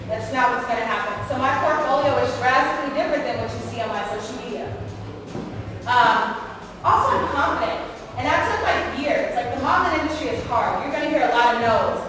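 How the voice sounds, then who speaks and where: A woman in her twenties, a model speaking candidly on a panel and quoting others in quick asides. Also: high-pitched. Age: 20s. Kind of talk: motivational panel talk. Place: large event hall. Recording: echoey hall recorded from far off with noise.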